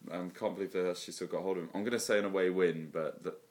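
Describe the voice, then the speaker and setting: A laid-back man co-hosting a casual football chat, often pausing with ums while giving his predictions. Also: low voice, steady tone, a little mellow. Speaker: podcast co-host.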